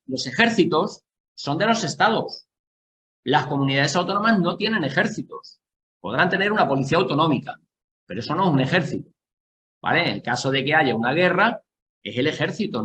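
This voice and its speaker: A man's voice: on the high side, sharp tone. A man from Castilla-La Mancha, giving an exam-prep lecture and checking in with the class as he explains. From Castilla-La Mancha, Spain. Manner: explanatory, keeps checking in with the class, slows to stress key points. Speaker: teacher.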